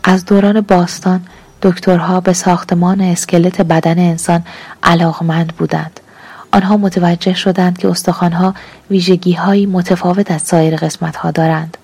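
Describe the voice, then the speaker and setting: A woman reading literary fiction aloud as an audiobook narrator, calm and measured, at times half-whispered. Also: on the low side, slightly rough.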